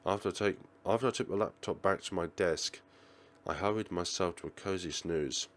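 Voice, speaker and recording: A low-pitched man speaking at a moderate pace voices a visual novel as a let's player. He reads with theatrical flair, comments on the game, and at times fumbles a phrase and reads it again.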